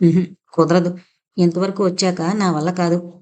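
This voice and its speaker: A woman voicing a gentle, affectionate young man in a spoken audio novel. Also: fairly low pitch, level tone, moderate pace, close to an everyday voice. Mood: coaxing.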